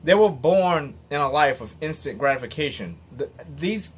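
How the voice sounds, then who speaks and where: Speaking at a normal speed in a fairly high, husky, expressive voice, a man in his late thirties gives an off-the-cuff motivational commentary. The vlogger comes across as earnest and blunt, emphatic, with occasional swearing.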